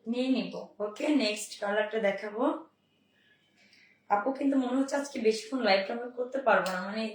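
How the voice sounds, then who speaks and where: A young woman from Bangladesh, hoarse today, selling clothes on a live stream with upbeat, repetitive calls to her viewers. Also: on the high side, fairly quick. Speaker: online clothing seller. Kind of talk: live-stream sales pitch. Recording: roomy, mic at a distance.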